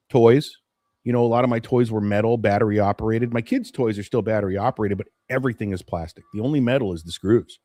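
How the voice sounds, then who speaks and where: Mellow and mid-range, this man's voice is recorded dry. He's a late-forties morning live-stream host who chats casually and wanders off topic, musing nostalgically to viewers about how things have changed.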